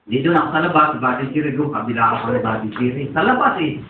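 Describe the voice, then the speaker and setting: A man's voice: medium pitch, very fast. A man preaching in a church, telling a rambling personal testimony as a sermon. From Philippines. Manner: rambling storytelling. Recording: tinny echoey distant church recording.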